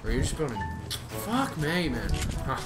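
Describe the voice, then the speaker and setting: A young man hosting a gaming video with excited, sweary, exclamatory casual commentary on his play. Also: a little high, normal speed. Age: young adult. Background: loud music.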